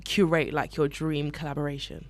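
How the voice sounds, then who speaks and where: A woman's voice: low-pitched, little pitch movement, moderate pace, no echo. A woman hosting a radio show, chatty and bubbly, laughing often as she interviews a guest. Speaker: radio host.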